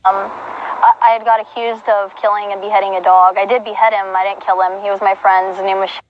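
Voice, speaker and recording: A woman's voice: mid-range voice, level tone, fairly quick. A woman being interviewed, speaking in a matter-of-fact way. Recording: dull lo-fi clip with faint noise.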